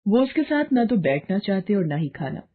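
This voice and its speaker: A woman reading a family drama aloud as a storyteller, dramatic and emotive, with a husky, breathy voice. The audio is thin and phone-like. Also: mid-range voice, sing-song, normal speed. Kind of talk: scripted story narration.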